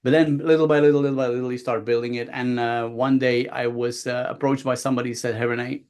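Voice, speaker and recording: A man's voice: medium pitch, fast, smooth. A Belgian-born man in his fifties shares his journey as a guest speaker over a video call. He tells it casually and with lots of energy, restarting his sentences often and acting out what other people said. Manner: animated, many restarts and acted-out quotes. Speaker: guest speaker, body language coach. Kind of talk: casual storytelling.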